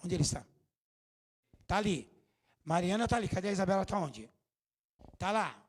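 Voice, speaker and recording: High-voiced Brazilian preacher, scolding and joking. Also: male voice, animated, moderate pace. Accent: Brazilian Portuguese. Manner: jokey, scolding preacher who bursts into shouts. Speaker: pastor. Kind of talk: sermon. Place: church hall.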